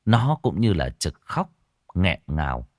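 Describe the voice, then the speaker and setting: A man with a low voice narrates a horror story dramatically. His pitch rises and falls widely as he tells it. The recording is close and dry. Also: slow pace, dry recording. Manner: dramatic, expressive.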